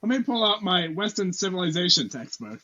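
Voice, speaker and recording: A man's voice: high voice, sing-song, brisk, bright, forceful tone. A man co-hosting a casual podcast, joking around and reading textbook passages aloud. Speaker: podcast co-host. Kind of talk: casual chat. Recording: dull lo-fi sound.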